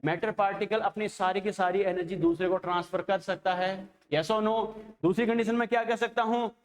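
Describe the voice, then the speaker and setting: A man's voice: sits high, fairly even intonation, moderate pace. A male chemistry teacher giving a classroom lecture, coaxing his students along, calling them children and constantly checking whether they follow. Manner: coaxing, keeps checking understanding with rhetorical questions; addresses students fondly as children.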